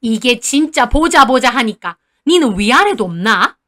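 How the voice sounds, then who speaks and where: A woman voicing a sharp-tongued old grandmother with a Gyeongsang dialect, scolding loudly. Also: on the high side, very animated, unhurried, heavily acted. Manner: scolding, loud and harsh.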